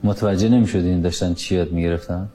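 A man hosting an interview, calmly asking probing questions and explaining words. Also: low-pitched, soft background music. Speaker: interviewer host.

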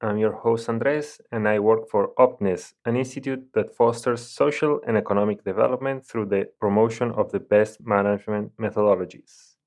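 A man's voice: fairly low pitch, steady tone, normal speed, a little mellow. A male podcast host who reads a scripted introduction and then asks his guest short questions. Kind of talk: interview hosting.

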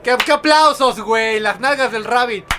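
A Mexican man telling stories in casual, slangy banter with loud, frequent laughter. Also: very high-pitched, normal speed. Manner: laughs loudly and often, slangy.

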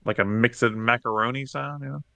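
A man's voice: medium pitch, steady tone, fairly quick, creaky, sharp tone, dry recording. Laughing joking podcast guy. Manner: joking, laughs often, swears casually. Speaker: podcast co-host. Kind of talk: casual chat.

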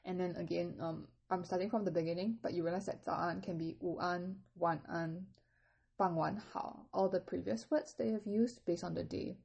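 A woman with a low, mellow and somewhat husky voice gives a podcast language lesson. She explains patiently in English and models each phrase slowly, in a careful staccato. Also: fairly even intonation. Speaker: Mandarin teacher.

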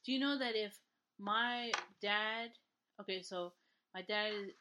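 A woman from New York, co-hosting a casual chat, animated and quick to launch into a rant between laughs. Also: mid-range voice, background noise.

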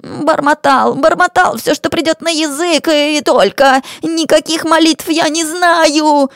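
A woman's voice: high voice, steady tone, measured pace, no room sound, studio quality, pitched above the performer's own voice. A woman voicing a sly, cowardly ex-mullah of forty-two who fawns and stammers. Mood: pleading. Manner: fawning, stammering, pleading.

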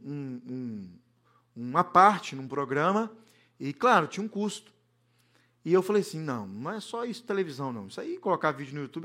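Storytelling pastor, higher voice. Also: male voice, a bit bright. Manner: storytelling, acts out dialogue, jokes. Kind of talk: humorous sermon with stories.

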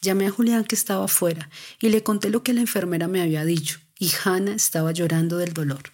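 A woman's voice: on the low side, fairly even intonation, quick pace, a little mellow. A woman recounting a family story as a mother, earnest and confiding, speaking straight to the listener. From Colombia.

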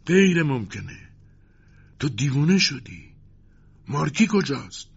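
A man's voice: lowish voice, sing-song, fairly bright tone, husky, muffled recording, voice pushed up, exaggerated voice. A man voicing a stern, harsh older judge in a storybook reading. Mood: shaken. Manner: harsh, commanding.

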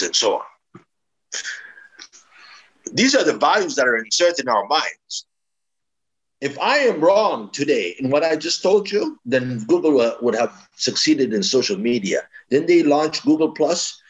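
A man's voice: medium pitch, dull audio. Emphatic man explaining branding. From East Africa. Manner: emphatic, advising, with frequent restarts. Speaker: branding expert guest. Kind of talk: explanatory interview talk.

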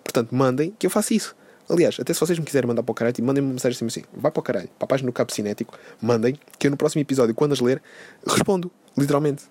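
A young man hosting a podcast, ranting casually in a sarcastic, profane, animated way. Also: mid-range voice, racing. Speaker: podcast host.

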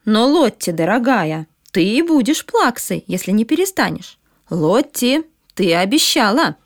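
A woman voicing a kind young schoolgirl who coaxes gently but firmly. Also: fairly high pitch, very animated, measured pace, no room sound, clean studio sound, full character voice. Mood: coaxing. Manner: gentle but firm coaxing.

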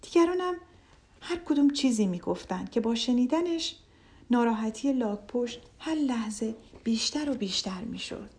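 A woman narrating a classic fable for children in a gentle, clear storytelling manner. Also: a little high, animated.

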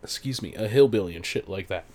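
This young co-host talks fast in a warm, lowish voice, swearing and laughing easily as he loosely explains the history. It's a casual, rambling podcast conversation.

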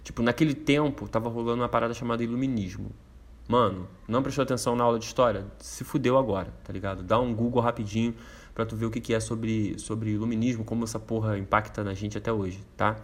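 A man's voice: lowish voice, steady tone, quick pace. A man with a Brazilian Portuguese accent hosting a casual explainer, laid-back and slangy, rambling with fillers. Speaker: host explaining a topic.

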